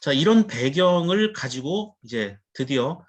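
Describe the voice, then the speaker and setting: A man's voice: on the high side, lively intonation, measured pace. A male pastor preaching a sermon, explaining Bible words and putting questions to the congregation.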